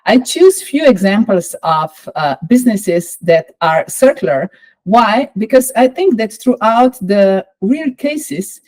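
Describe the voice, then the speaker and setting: Slovenian-accented woman lecturing, mellow voice. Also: medium pitch, poor audio. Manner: measured, explanatory, with frequent fillers. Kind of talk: online course lecture.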